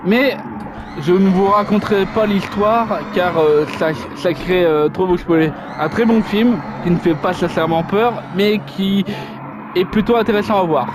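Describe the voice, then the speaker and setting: Male let's player with a high voice and casual, halting commentary, with faint noise under the voice. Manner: hesitant, filler-heavy asides. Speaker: let's play gamer. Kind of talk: casual gameplay commentary, reading game dialogue aloud.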